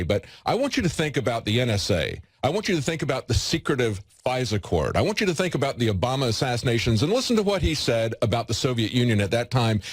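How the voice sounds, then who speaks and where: A man's voice: medium pitch, husky, no echo. A man hosting a political broadcast, talking with emphatic, rhetorical repetition. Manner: emphatic, rhetorical, repeats phrases. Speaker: broadcast host. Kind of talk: impassioned political commentary.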